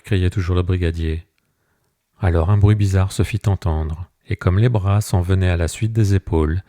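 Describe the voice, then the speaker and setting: Deep-voiced man narrating a short story. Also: dark tone, dry recording, clean studio sound. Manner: measured storytelling. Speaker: audiobook narrator. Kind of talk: scripted narration.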